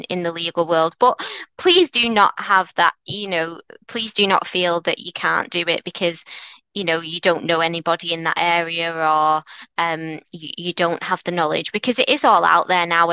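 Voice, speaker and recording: This interview guest is a woman lawyer from North Manchester with a broad Mancunian accent, responding in an earnest, encouraging manner with frequent restarts. She has a lowish, smooth voice that sounds pushed and bright. There's no room sound, and the recording quality is low.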